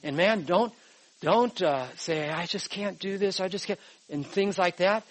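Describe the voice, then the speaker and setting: A man's voice: high voice, a little slow, low-quality recording. A man in his sixties teaching a Bible class from his notes, emphatic and conversational, often checking in with "all right?" and "okay". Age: 60s.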